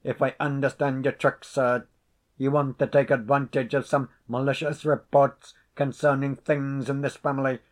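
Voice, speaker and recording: A man voicing a stern, suspicious laird who speaks in a cold, measured, menacing way. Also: medium pitch, flat delivery, a little mellow, natural voice.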